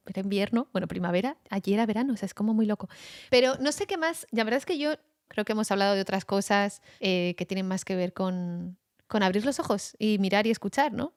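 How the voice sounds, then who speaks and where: Woman, podcast guest, casual talk, animated, dry close mic. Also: mid-range voice, no echo. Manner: animated, laughs often, acts out her own thoughts. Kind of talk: casual conversation.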